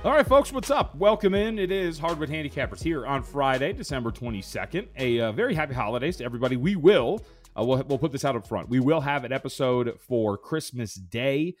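A man's voice: medium pitch, expressive, fairly quick, soft background music. A man in his thirties hosting a sports betting podcast in a loose, rambling way with lots of fillers. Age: 30s. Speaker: podcast host. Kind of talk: casual chat.

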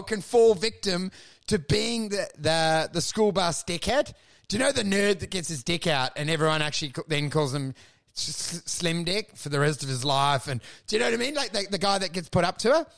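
Gravelly high-voiced man. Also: animated, fairly quick, fairly bright tone. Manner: rambling, self-mocking storytelling with frequent swearing. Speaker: podcast co-host. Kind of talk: casual comedic chat.

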